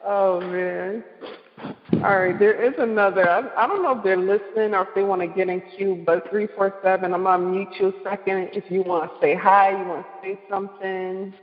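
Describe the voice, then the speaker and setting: A man hosting an online radio show, introducing tracks and callers in a relaxed way. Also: high-pitched, brisk. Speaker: host. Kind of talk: casual online radio chat. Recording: muffled, roomy with long reverb.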